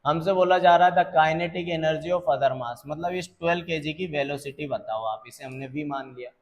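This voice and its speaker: A man tutoring physics, slowly working through exam problems and checking that students follow. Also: on the high side. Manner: calls students "beta", checks understanding; slow, deliberate explaining.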